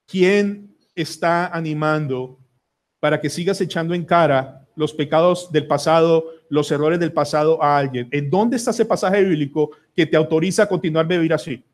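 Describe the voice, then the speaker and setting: Emphatic Colombian pastor preaching. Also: male voice, on the high side, moderate pace. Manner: emphatic, pleading, asks the congregation many questions. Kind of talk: sermon. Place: church sanctuary.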